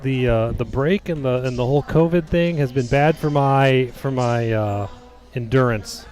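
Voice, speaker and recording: A man calling play-by-play at a high school basketball game, chatty and joking, a little out of breath. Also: moderate pace, a little mellow. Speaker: play-by-play commentator. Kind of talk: basketball commentary. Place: school gym.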